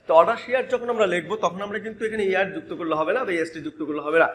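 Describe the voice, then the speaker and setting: A male teacher with a high voice runs through a grammar lesson at a rapid clip. He spells words out letter by letter and keeps turning to his students to ask for their attention. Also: fairly bright tone. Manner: spells words letter by letter and repeats key terms; addresses students directly, prompting attention. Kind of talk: classroom-style grammar lesson.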